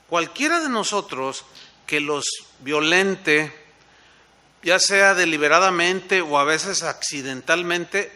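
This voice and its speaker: A male pastor preaching in a lively, chatty way, his voice sitting high for a man and sounding strikingly bright and forceful. He keeps turning to his listeners with quick questions. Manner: conversational, asks the congregation rhetorical questions. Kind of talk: sermon.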